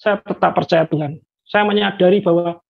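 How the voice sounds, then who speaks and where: This man's voice sits high, steady, and gravelly, moving at a normal speed as he earnestly gives his testimony of faith to a congregation. He frequently addresses them as brothers and sisters, and the recording is dull and lo-fi.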